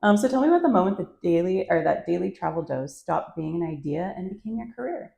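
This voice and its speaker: Woman host, low gravelly tone, upbeat and encouraging, roomy sound. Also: lively intonation, fast talker, warm tone. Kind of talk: casual interview. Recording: roomy echo.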